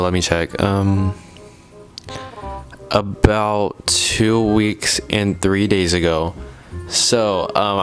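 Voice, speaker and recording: A young man chatting casually to camera in a hesitant, rambling way, with a slight lisp from wearing retainers. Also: on the low side. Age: young adult. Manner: hesitant, rambling speech full of "like". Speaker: video blogger.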